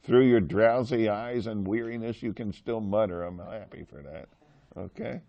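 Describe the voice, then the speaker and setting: A man's voice: lowish voice, moderate pace, vocal fry, lo-fi sound. Joking, chatty male Bible teacher. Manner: chatty, joking with the class, asks questions. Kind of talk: classroom Bible lesson.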